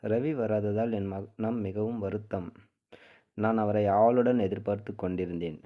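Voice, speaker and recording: A man narrating a first-person short story in a steady, even reading style. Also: lowish voice, unhurried. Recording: tinny phone-like sound.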